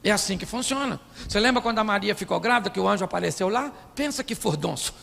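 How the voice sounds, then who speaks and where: A man preaching a comic sermon as pastor, animated, acting out couples' arguments in put-on voices. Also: high voice, quick pace, gravelly. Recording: live in a large hall with long reverb and faint noise.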